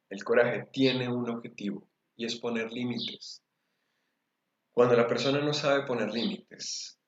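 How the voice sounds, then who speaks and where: A man giving a lecture to an audience on emotional rehabilitation, acting out scolding parents in quoted phrases. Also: mid-range voice. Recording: echoey room, dull lo-fi sound.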